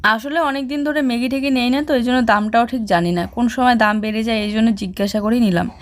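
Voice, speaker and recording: A young woman narrating a casual home vlog, speaking softly and chatting as she explains her chores. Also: a little high, fast, slight background noise. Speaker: village vlogger and mother.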